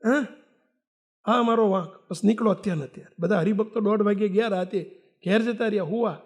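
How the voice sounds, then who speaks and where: A man's voice: high-pitched, fairly quick. An older man, a monk, preaching a sermon and telling a story, acting out the voices of the people in it. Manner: animated storytelling, acts out quoted voices.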